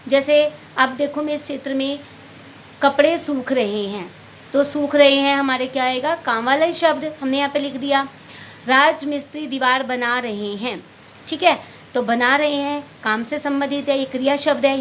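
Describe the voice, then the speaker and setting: Patient high-voiced woman teaching a class. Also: a bit bright, a little hiss or hum. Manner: patient, asks questions then answers them herself; addresses pupils as beta. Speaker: primary school teacher. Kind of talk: online Hindi lesson.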